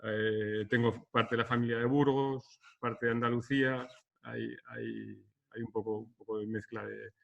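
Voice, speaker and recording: Over dull, lo-fi video-call audio, a man in his fifties from the Basque Country of Spain speaks as an architect guest, halting and frequently starting over. His medium-pitched voice has vocal fry, moves little in pitch, and runs a little slow.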